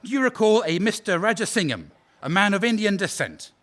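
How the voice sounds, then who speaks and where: This audio drama performer plays a prosecuting officer at a war crimes trial, grilling a witness in a cold, probing, sarcastic, formal manner. His high, sing-song voice moves fairly quickly with a fairly bright tone.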